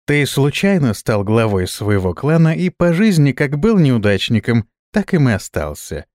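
A man's voice: mid-range voice, big pitch swings, normal speed, darkish tone, dry recording, clean studio sound, natural voice. A man voicing a mocking male vampire nobleman, in a storybook reading.

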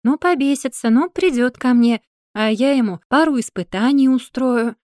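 A woman's voice: sits high, normal speed, darkish tone, no echo, clean studio sound, natural voice. A woman voicing a cheerful, crafty old witch who talks in a folksy, grandmotherly way. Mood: indignant. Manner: folksy, chatty, bursts into indignation.

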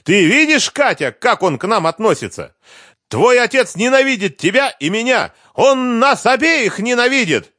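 A man voicing a hysterical ex-wife who shrieks accusations in a high, strained voice. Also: sing-song, moderate pace, dry recording, studio quality. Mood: screaming. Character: shrill hysterical ex-wife, woman, screaming.

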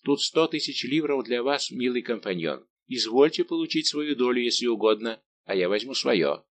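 A man's voice: mid-range voice, animated, normal speed, a little hiss or hum, lightly acted. A man voicing a bold male musketeer who speaks in a hearty, commanding way. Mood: warm.

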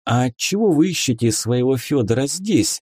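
A man reading a story aloud, voicing a proud young noblewoman who works as a nurse, in a raised, breathy voice. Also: mid-range voice, lively intonation, moderate pace, a little mellow, no room sound, clean studio sound. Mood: indignant.

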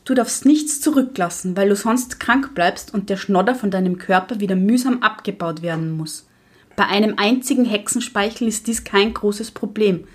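A woman's voice: medium pitch, moderate pace, lightly acted. A woman playing a strict, unflinching witch teacher in an audio drama, giving curt, matter-of-fact instructions. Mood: stern instructing.

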